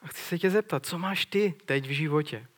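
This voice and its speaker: A man preaching a sermon in an earnest way, retelling a scripture story and putting questions to his listeners. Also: a little high.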